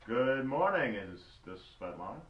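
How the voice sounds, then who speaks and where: A man's voice: mid-range voice, very animated, measured pace. A man hosting a talk show, chatting casually with stumbling restarts. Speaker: radio show host. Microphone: GoPro camera. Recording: echoey room from far off, dull sound.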